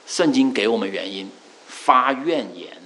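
A middle-aged male preacher giving a sermon, earnest, repeating key phrases with drawn-out fillers. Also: mid-range voice, animated, bright, forceful tone, low-quality recording.

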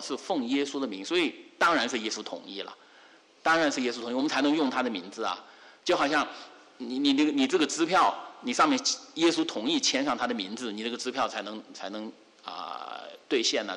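A man preaching a sermon, animated, asking rhetorical questions again and again. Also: on the high side, in a large hall.

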